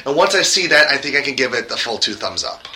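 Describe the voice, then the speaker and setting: Bright-voiced man chatting casually. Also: mid-range voice, big pitch swings, fast talker, slight background noise, rough recording. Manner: chatty, laughs easily. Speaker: podcast co-host. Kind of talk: casual chat reviewing a cartoon.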